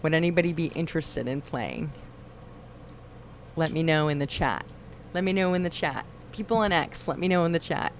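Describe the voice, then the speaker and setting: A woman's voice: sits low, normal speed, a little hiss or hum. Chatty woman hosting a livestream. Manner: chatty, reads viewer comments aloud. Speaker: livestream host. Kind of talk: casual livestream chat.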